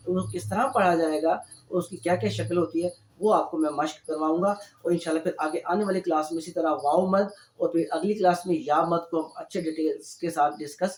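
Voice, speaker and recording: Male tutor, patient and explanatory, slightly high voice, echoey room. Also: darkish tone. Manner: patient, explanatory, addresses learners as friends. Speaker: Quran reading teacher. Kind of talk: spoken lesson.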